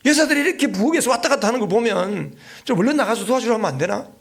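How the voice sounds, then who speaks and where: A man with a notably high voice delivers an evening worship sermon as a visiting pastor. He tells the story in a lively, vivid way and keeps asking the congregation rhetorical questions. Short thinking fillers break up his phrases. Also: very fast, vocal fry. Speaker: guest pastor.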